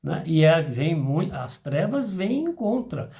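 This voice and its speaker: A man's voice: on the high side, a little slow. A man giving an informal spiritual lesson, acting out little dialogues as he explains. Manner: animated, acts out dialogues in asides. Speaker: spiritual therapy teacher.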